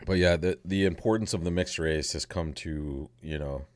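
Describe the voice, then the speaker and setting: A man hosting live bridge commentary, teasing and quick to laugh. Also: low voice, no room sound.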